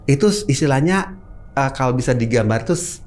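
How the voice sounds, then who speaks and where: A man's voice: medium pitch, fairly quick. A middle-aged man telling a personal ghost story in a casual chat, acting out the sounds with his voice. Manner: animated, mimics sounds with his voice.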